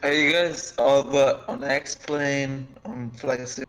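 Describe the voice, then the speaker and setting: A man's voice: mid-range voice, fairly even intonation, slow, a bit bright, slight background noise, poor audio. A man making dry one-liners in a casual group voice chat.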